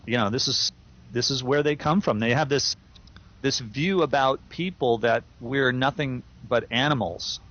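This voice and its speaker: A man's voice: medium pitch, normal speed, fairly bright tone. A man co-hosting a podcast, giving firm opinions in a casual chat with fillers and restarts. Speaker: podcast co-host. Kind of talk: casual chat, reading listener email. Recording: dull lo-fi sound.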